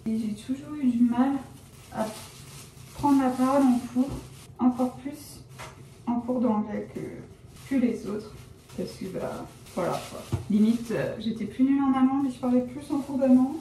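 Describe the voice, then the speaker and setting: A woman's voice: high voice, normal speed, mellow, distant mic, slight background noise. A young woman chatting casually in a vlog as she dyes her hair, rambling and correcting herself with many fillers. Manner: rambling, self-correcting, lots of fillers like genre and euh; shy and reserved by her own account. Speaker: vlogger. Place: at home, indoors. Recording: roomy, from off the mic, faint background ambience.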